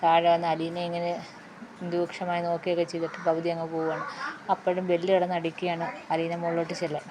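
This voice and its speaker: A woman's voice: fairly low pitch, completely flat delivery, quick pace, background noise. A woman hosting a serial review, giving a casual, rambling episode recap full of fillers.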